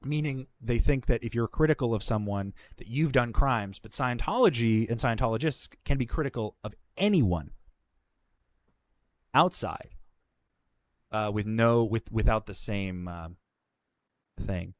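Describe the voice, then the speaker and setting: A man's voice: medium pitch, unhurried, long pauses. A man talking as a guest in a casual conversation, telling stories bluntly and with plenty of swearing. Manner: blunt, profane, animated storyteller. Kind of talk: casual conversation, candid storytelling.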